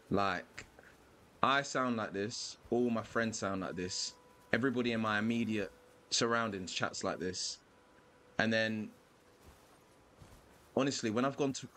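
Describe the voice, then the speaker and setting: A man's voice: mid-range voice, fairly bright tone, slight background noise. A man with a London accent chatting casually and rambling as he live-streams a video game, dropping slang now and then. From London, England.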